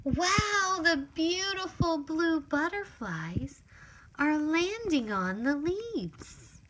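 An author reads her own picture book aloud to small children, going very slowly and deliberately. Her high, bright voice is expressive and sing-song, full of exclamations. The recording is rough, with faint background noise.

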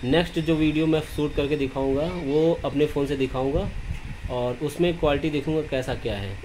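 A man's voice: mid-range voice, background noise. A young man chatting casually in a vlog, recorded on a phone camera, laughing at himself now and then. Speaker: vlogger.

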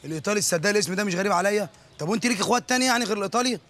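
A man's voice: sits high, very fast, fairly bright tone, a little hiss or hum. A man with an Egyptian accent playing a boastful aspiring singer who rambles about his plans. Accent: Egyptian Arabic.

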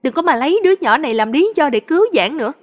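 A woman's voice: high voice, expressive, racing, pitched above the performer's own voice. A woman reading a story aloud, voicing an arrogant young woman who gives harsh, commanding orders. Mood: domineering.

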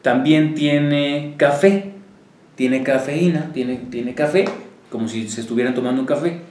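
A man's voice: a little high, measured pace, darkish tone, reverberant. Man listing a product's contents. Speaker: co-host. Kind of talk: casual health talk show.

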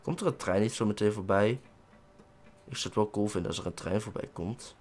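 A man with a Dutch accent doing excitable let's-play commentary, swearing and yelping at every mishap. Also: on the low side, brisk. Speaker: gaming let's-play host.

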